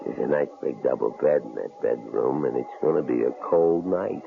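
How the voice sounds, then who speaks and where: In 1940s-style radio acting, a man plays a menacing, cold-blooded intruder who taunts and leers, using an extremely low, creaky, exaggerated voice that's animated at a moderate pace. The old broadcast sounds tinny with a faint hiss.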